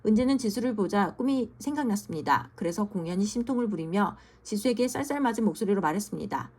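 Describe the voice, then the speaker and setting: A woman storyteller reading a children's storybook aloud, gently and steadily, with small slips. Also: medium pitch, expressive, quick pace.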